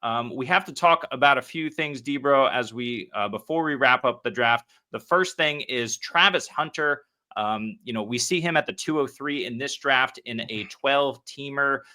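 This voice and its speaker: A man hosts a laid-back fantasy football podcast. His voice is bright and forceful at an ordinary pitch, and he moves the conversation along with easy questions. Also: moderate pace. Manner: easygoing, steers the talk with questions. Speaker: podcast host. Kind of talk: casual podcast chat.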